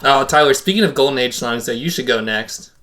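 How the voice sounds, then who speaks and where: A man's voice: medium pitch, a little fast, pushed and bright. A man co-hosting a music podcast in a wry, joking casual chat. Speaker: podcast co-host.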